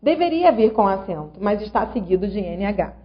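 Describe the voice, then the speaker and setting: A sing-song, medium-pitched woman's voice at normal speed leads an online grammar lesson. Patient and methodical, she pronounces syllables one by one and draws the viewer in. Audio quality is lo-fi and slightly dull.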